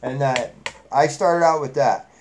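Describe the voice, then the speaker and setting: There's a crowd in the background as a middle-aged man with a New England accent hosts a live chat at a measured pace. His medium-pitched voice carries rambling, salty, folksy stories loaded with fillers.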